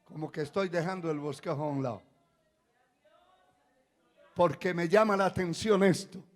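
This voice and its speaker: A male pastor preaching a sermon, dropping to quiet, low passages and then rising into shouted exhortation. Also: moderate pace.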